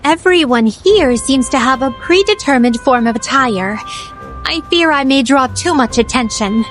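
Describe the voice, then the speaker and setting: High, lilting, formal otherworldly lady. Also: animated, moderate pace, faint music behind. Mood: politely fascinated. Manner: formal, flowery, overly polite diction. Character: poised, curious, naive otherworldly female attendant visiting human places. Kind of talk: scripted video game dialogue.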